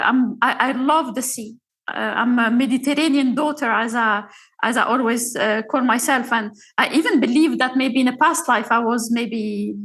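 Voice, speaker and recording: A middle-aged woman from Algeria, a native Arabic speaker, talks as a podcast guest with her accent clear throughout. Her somewhat high, fairly bright voice comes out haltingly, with frequent fillers and restarts, as she tells stories in a relaxed interview.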